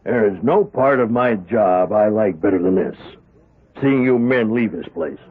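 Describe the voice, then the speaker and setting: This radio drama actor plays a stern but fatherly prison warden, lecturing with hearty impatience. His voice is fairly low, husky and expressive, a little slow, heard through a muffled, tinny old broadcast.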